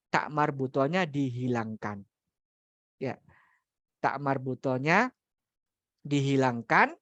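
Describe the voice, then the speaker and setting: A man's voice: fairly high pitch, fairly bright tone, no echo, muffled recording. A man teaching Arabic grammar in a study class, explaining step by step, repeating key terms and asking questions for his students. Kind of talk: religious study class lecture.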